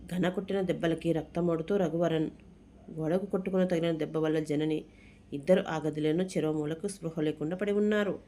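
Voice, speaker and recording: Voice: medium pitch, mellow, a little hiss or hum. A storyteller reading a dramatic storybook tale aloud. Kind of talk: scripted storybook narration.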